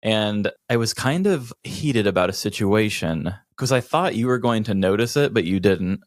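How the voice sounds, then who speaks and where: An American man co-hosts a podcast, spinning casual comedic stories in a dramatic, self-deprecating, complaining way. His voice is on the low side, with lively intonation and a normal speed.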